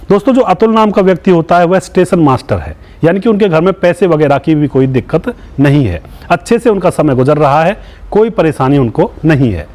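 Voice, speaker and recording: A man's voice: fairly high pitch, expressive, fairly quick, a little mellow. Man retelling a crime story to viewers. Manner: keeps addressing viewers as friends; moralizing, asks viewers for opinions. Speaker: YouTube channel host.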